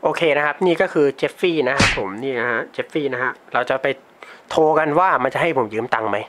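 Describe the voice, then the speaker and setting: A man's voice: medium pitch, fast talker, noisy background. A teenage boy talking casually and chattily in a prank vlog, laughing often and using slang. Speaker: YouTuber prank caller. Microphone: desktop computer mic.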